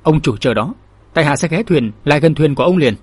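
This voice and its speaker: A male narrator voicing a righteous young male martial hero in a spoken storybook, courteous and indignant, in his own husky voice. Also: fairly high pitch, animated, fast, a little mellow, dry recording. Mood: firm.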